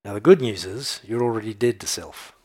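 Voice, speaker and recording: A man's voice: lowish voice, expressive, brisk, a little mellow, breathy edge. A man preaching a conversational sermon, telling jokes and checking in with his listeners as he goes. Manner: conversational, tells jokes and laughs, checks in with "okay?". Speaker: pastor.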